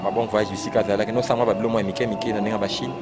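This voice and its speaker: A man with a Congolese French accent in an animated, repetitive casual chat about music, exclaiming often. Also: fairly low pitch, fast. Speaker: fan discussing rumba music. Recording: loud music playing behind.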